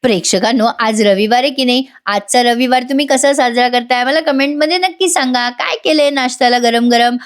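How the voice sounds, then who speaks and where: A woman narrating a chatty voice-over recap of a TV serial, reading out the characters' lines and talking directly to her viewers. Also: a little high.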